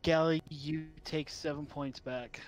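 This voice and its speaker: A man in a tabletop game, briskly declaring his spells and checking rules. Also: fairly high pitch, fairly even intonation. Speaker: player.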